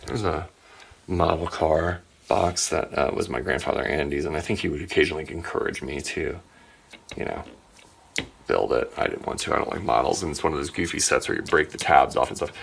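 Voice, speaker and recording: A man in his forties giving a rambling late-night tour of his game and art room in a low, sleepy voice, with many ums and uhs. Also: brisk, vocal fry, fairly bright tone, breathy edge. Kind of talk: rambling home tour narration.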